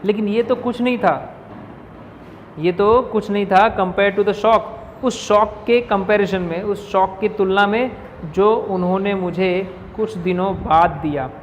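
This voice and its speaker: A male teacher explaining an English lesson in Hindi. He reads each English line slowly, then explains it, and often checks in with his class. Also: sits high. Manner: keeps checking in with "ठीक है". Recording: reverberant room with faint noise.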